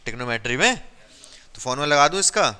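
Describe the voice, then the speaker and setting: Bright, clear-voiced male maths teacher. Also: medium pitch, animated, fairly quick. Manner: asks students questions, writes while talking. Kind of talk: classroom lesson explaining at a board.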